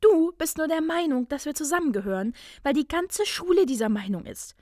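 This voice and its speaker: A woman playing a sharp young witch, high and lively, confident, dry close sound. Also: no echo. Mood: indignant. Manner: bright, brisk, self-assured. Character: young woman, clever confident wizard student.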